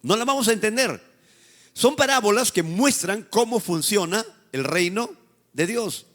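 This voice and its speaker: A Peruvian pastor preaches with a high, ringing voice that swoops up and down with lively energy. He leads his congregation in call-and-response, having them echo his words, and prods them with teasing exhortation. The sound is that of a live church service. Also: unhurried. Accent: Peruvian Spanish. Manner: call-and-response preaching, has the congregation repeat after him. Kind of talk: sermon.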